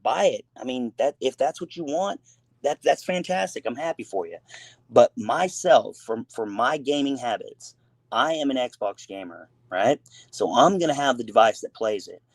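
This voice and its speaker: On his laid-back gaming talk show, a father with a mid-range voice rambles on in long, emphatic runs thick with fillers and restarts. There's no room sound in the recording.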